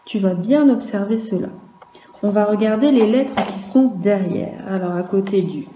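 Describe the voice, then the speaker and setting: A patient schoolteacher with a French accent, her mellow voice slow and careful as she explains sounds to young children. She draws out each sound and asks questions aloud, recorded in an echoey room. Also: medium pitch, a little hiss or hum. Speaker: primary school teacher. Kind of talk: recorded virtual class lesson for young children.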